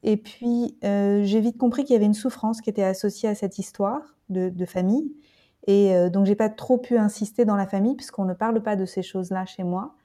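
A woman talks calmly and steadily. Her voice is very dark and mid-pitched. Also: a little fast. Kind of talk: personal testimony.

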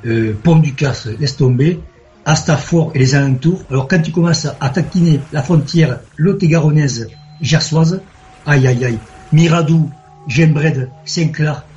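A man calling in to a radio show, chatty and excitable as he tells his stories. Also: a little high, unhurried, soft background music. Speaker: caller. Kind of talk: call-in radio chat. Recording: dull phone-line sound.

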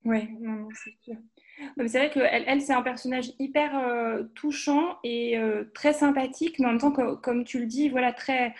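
A woman's voice: fairly high pitch, steady tone, moderate pace. A woman giving a casual book review, often stopping to rephrase herself. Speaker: podcast contributor.

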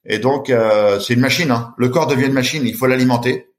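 Middle-aged man, quick lively storytelling, acts out voices, podcast guest. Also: mid-range voice. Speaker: guest, long-distance swimmer. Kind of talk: animated storytelling in a podcast interview.

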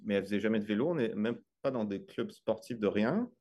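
A middle-aged man from France with a French accent, a guest explaining things in a relaxed way with many fillers. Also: on the low side, fast. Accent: French, softened by years in Quebec. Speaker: guest, engineer. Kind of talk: casual interview chat.

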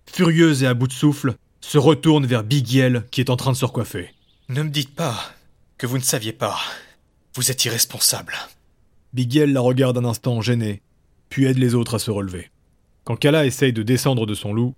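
A man narrating a fantasy story in a measured, dramatic way. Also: medium pitch, a little mellow. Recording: background music.

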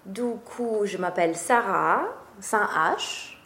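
Talking slowly in a mid-range, sharp-toned voice, this café co-owner from northeast Italy chats as an interview guest. She is young and hesitant, fills her speech with fillers and frequent laughter, and the audio is roomy with faint background noise.

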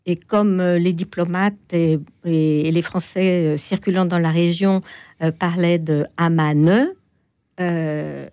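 A woman guest explaining things in an interview, hesitant, with many pauses and fillers. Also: fairly low pitch, fairly even intonation, dark tone, smooth, no room sound, studio quality. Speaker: toponymy expert guest. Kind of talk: interview answers.

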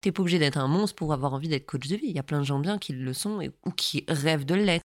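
A woman's voice: low voice, fast, dry recording, clean studio sound. A woman hosting a podcast, sarcastic and a little tired, commenting casually and reading aloud while translating. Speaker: podcast host.

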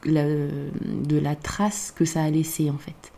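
A woman's voice: sits low, flat delivery, takes it slowly, vocal fry, dark tone. A woman from Côte d'Ivoire talking in a casual podcast conversation, reflective and hesitant, with many fillers.

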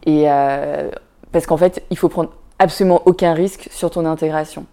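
Appearing as a podcast guest, a filmmaker with Vietnamese as her first language talks casually and reflectively in a low, mellow voice with a steady tone. She halts often, using lots of fillers and restarts, and keeps turning to the listener with "tu vois."

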